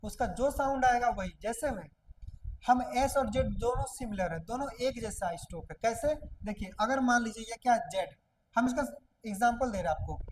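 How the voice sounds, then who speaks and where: Woman teacher, fairly high voice, patient classroom explaining, repeats key words, light background hiss. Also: rough recording. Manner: repeats questions and answers them herself, drawn-out words. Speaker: shorthand teacher. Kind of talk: classroom lesson explaining step by step.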